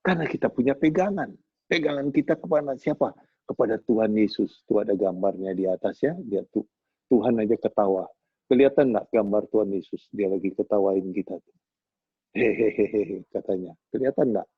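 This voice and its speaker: A middle-aged man preaching at a Bible study in a husky, breathy voice. He tells homely stories in a folksy, animated way. The sound is dry and thin like a phone line. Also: on the low side, fairly quick, dry recording. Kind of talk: sermon with storytelling.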